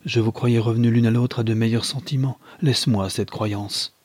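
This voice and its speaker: Man voicing a distraught young husband, pleading, raised voice, husky, dry close sound. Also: mid-range voice, steady tone, moderate pace, a little mellow, no room sound, close to an everyday voice. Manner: pleading, rising to anguished outcries. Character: Adolphe, anguished young husband, easily wounded.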